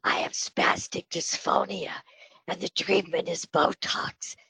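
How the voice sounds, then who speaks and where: An older woman talks slowly and thoughtfully, her voice breathy and raspy with a gravelly edge. She sounds reflective and measured, in a dry, close recording. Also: on the low side, fairly even intonation, bright, forceful tone, rough recording. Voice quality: breathy, whispery voice. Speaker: podcast guest, retired health system executive. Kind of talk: interview storytelling.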